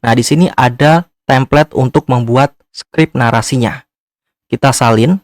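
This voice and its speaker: A man's voice: mid-range voice, unhurried, dry recording, clean studio sound. A man narrating a casual step-by-step screen tutorial, speaking informally and directly to viewers. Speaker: tutorial host.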